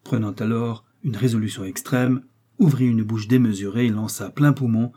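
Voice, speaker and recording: Husky dark-voiced male audiobook narrator. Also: mid-range voice. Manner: measured, even storytelling delivery.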